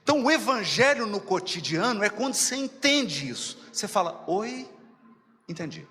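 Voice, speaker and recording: A man with a Mineiro Brazilian accent giving a spiritual lecture, animated and acting out little dialogues as he talks to his audience. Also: high voice, fairly quick, in a large hall. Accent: Mineiro Brazilian Portuguese. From Minas Gerais, Brazil. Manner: animated, acts out dialogues, addresses the audience directly.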